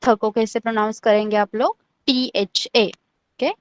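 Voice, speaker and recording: A woman's voice: a little high, moderate pace, a little mellow, clear, resonant tone. A woman teaching an online language class, patiently repeating each letter and checking that everyone understands.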